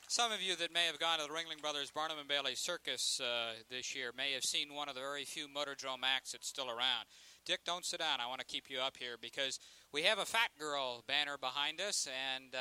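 A man's voice: mid-range voice, fairly even intonation, moderate pace, bright, forceful tone, clean tone. A man presenting a live demonstration, introducing it informally to an audience.

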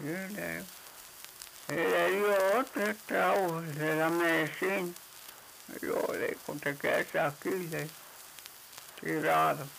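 A man tells a folk tale slowly in a high, gravelly voice. He circles back over each line, tagging quotes with "le dijo". A faint hiss sits under the recording. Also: fairly bright tone, rough recording. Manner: repetitive, unhurried, with constant "le dijo" tags. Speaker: storyteller. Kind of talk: oral folk tale telling.

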